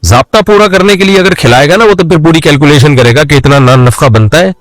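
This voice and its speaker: A man's voice: a little high, dry recording, poor audio. Conversational male preacher, dry sound. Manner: conversational, asks the audience rhetorical questions. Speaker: Islamic preacher. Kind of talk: religious lecture.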